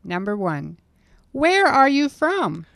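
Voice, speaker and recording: Female lesson reader, slow, careful prompts, very dry studio sound. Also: sits high, sing-song, fairly bright tone, dry recording. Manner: slow, clearly enunciated prompts. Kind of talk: scripted language lesson dialogue.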